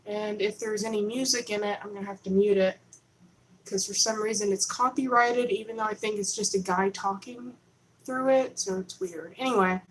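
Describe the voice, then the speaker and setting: On a low-quality recording with slight background noise, a livestream host talks at normal speed in a mid-range voice with fairly even intonation. Speaking casually from home in Texas to a camera on a holder, she rambles in a chatty, conspiratorial way and interrupts herself.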